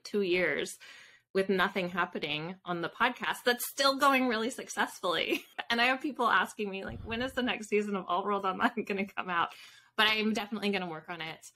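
A woman in her thirties, a fiction author and podcaster, chats casually as a guest on a video call, informal and self-deprecating. Her mid-range voice has a sharp tone. She's in a home room with bookshelves, and the call carries background noise and clicks.

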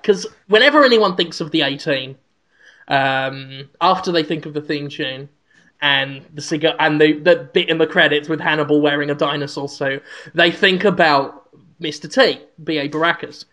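A man's voice: a little high, moderate pace, bright, forceful tone. A man hosting a podcast, sardonic and swearing casually in comedic chat. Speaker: podcast host.

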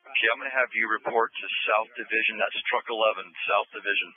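A man's voice: fairly low pitch, steady tone, fast, crowd noise. A man working as a fire incident commander, giving clipped orders in urgent firefighter radio traffic. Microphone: two-way radio. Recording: muffled narrowband emergency radio.

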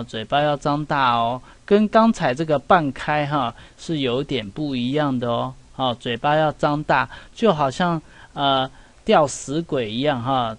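A middle-aged man giving a relaxed English pronunciation lesson in Mandarin. He talks in a chatty way and keeps asking the class "right?" and "see?". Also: medium pitch, dry recording. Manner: chatty, with many "哈" and "有没有" asides. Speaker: English teacher.

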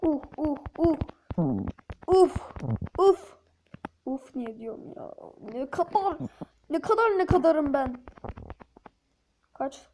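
High-pitched woman rambling excitedly over a game, playful and chatty, bit of faint noise behind. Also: takes it slowly, pauses often. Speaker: gaming channel host. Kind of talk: casual gameplay commentary.

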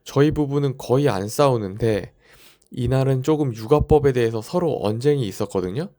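Mellow young man narrating a parenting vlog. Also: mid-range voice, normal speed.

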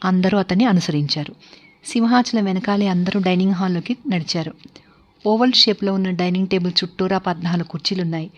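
A woman narrating a suspense novel as an audiobook, reading in a steady, even way. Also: on the low side, fast. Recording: dull lo-fi recording.

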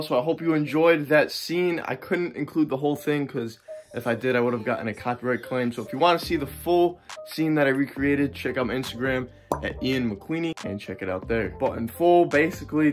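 A man in his twenties giving a casual behind-the-scenes vlog into a phone. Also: medium pitch. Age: 20s. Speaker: vlogger, amateur filmmaker. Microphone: phone at arm's length.

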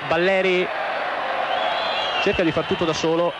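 A man giving live televised football commentary in measured, analytical, clipped phrases on a noisy old broadcast. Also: high voice, steady tone. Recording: noisy old TV broadcast, loud stadium crowd. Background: loud football stadium crowd.

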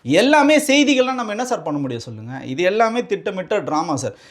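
Speaking at great speed in a high, sing-song voice, this Tamil Nadu–accented party spokesman fights his corner in a heated political interview. He keeps pressing the interviewer with a rapid barrage of combative rhetorical questions.

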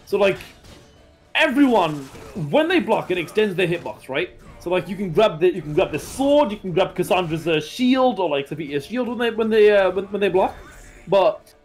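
A male fighting-game commentator with a high, bouncy voice that swings all over. He talks fast and excitably, cracking jokes and going off on rambling explanations. Faint music plays underneath. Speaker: esports commentator.

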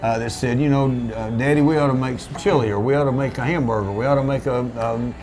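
An older man who owns a small restaurant, telling its history in a relaxed, folksy way with many restarts, seated at a table in a back room. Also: mid-range voice, quick pace, soft background music. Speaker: restaurant owner. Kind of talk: relaxed storytelling interview. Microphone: seated at a table, camera in front.

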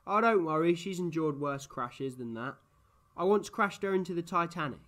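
An actor playing an eccentric, confident time-travelling hero in a sci-fi audio drama, animated and theatrical. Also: male voice, on the high side, music in the background, natural voice. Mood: confident, breezy. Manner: animated, theatrical, quick to bluster.

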